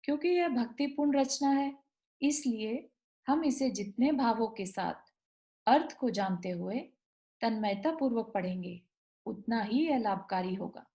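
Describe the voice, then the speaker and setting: Slow, mellow-voiced woman teaching chanting. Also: on the high side, expressive. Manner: slow, word-by-word instruction and chanting. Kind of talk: online class on pronouncing a stotra.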